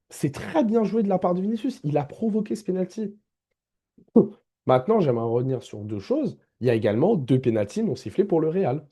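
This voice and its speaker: A man's voice: fairly high pitch, dark tone. A man giving a casual football match debrief as a vlogger, emphatic, repeating his key points and addressing viewers directly.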